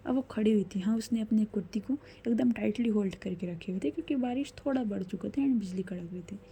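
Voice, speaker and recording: A woman's voice: medium pitch, quick pace, dark tone. A woman storyteller narrating a story casually, conversational and correcting herself as she goes.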